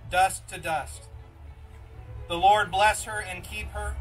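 A man leading a graveside funeral service as priest, reciting the liturgy in a solemn, measured way. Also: high voice, a bit bright, far from the mic, poor audio. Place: outdoors at a graveside.

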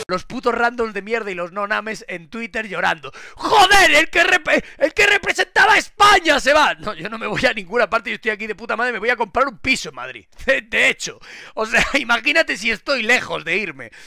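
A young man, streaming live in casual chat, crude and swearing, switching from low muttering to sudden shouting. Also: lively intonation, a little fast, vocal fry, no room sound, clean studio sound.

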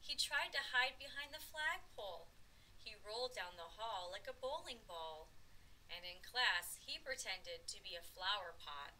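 A woman who teaches preschool, reading a picture book aloud with animated, slow storytelling. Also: mid-range voice, slight background noise, poor audio.

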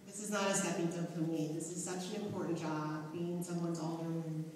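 A woman from Chicago, a candidate, giving an earnest, steady debate answer. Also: on the low side, fairly quick, slight background noise. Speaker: aldermanic candidate. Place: large hall with stage. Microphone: far phone camera. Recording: echoey hall from far off.

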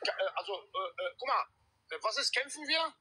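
A man's voice: very high voice, animated, a little fast, pushed and bright, husky, no room sound. A middle-aged man chats in slang on a livestream by phone, insistent and full of oaths. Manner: insistent, swearing oaths, repetitive. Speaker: guest on a livestream. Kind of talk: casual slangy livestream chat. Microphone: handheld phone on a video call.

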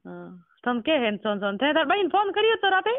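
On a tinny, narrow phone line, a man with a Rajasthani accent talks casually in a very high voice that swings widely in pitch. He speaks at a normal speed with no room sound, asking questions and repeating words back.

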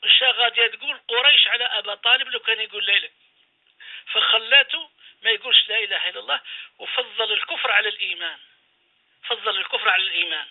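Over a phone-line radio call-in comes a man's high, fast voice: an imam preaching a sermon. He presses his audience with rhetorical questions and recurring phrases.

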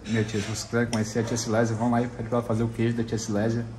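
Rapid-fire and mid-range with little pitch movement, a travel food vlogger from Santa Catarina chats informally in a southern Brazilian accent. He tastes food inside a restaurant, often repeating himself, with a noisy background of busy chatter.

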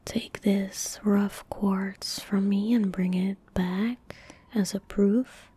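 A young adult ASMR gaming streamer whispers breathily at her computer, murmuring gentle, unhurried asides to herself as she plays. Her husky voice sits in the mid-range with a steady tone, over soft game ambience and faint background noise.

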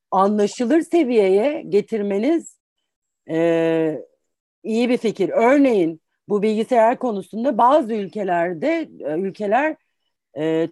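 A woman's voice: fairly high pitch, warm tone, no room sound, studio quality. A woman in her forties, an English teacher, giving patient, explanatory advice in an interview and restating points with examples. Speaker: English teacher and career guest.

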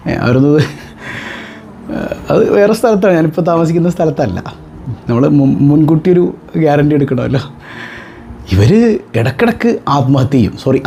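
A man, a religious teacher giving an animated talk to his followers, full of rhetorical questions and joking asides. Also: a little high, slight background noise.

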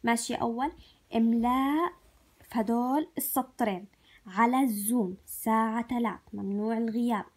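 A woman teacher gives a recorded phonics lesson to first graders, sounding out syllables slowly and often checking in with the class. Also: fairly high pitch, a little mellow. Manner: slow, drawn-out sounding-out of syllables, repeating questions to pupils.

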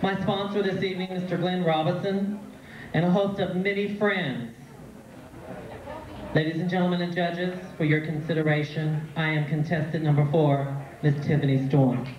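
A man's voice: a little high, fairly even intonation, normal speed. A man formally introducing himself on stage as a pageant contestant. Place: theatre stage, indoors. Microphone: handheld stage mic, filmed from audience. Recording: dull echoey hall sound with crowd.

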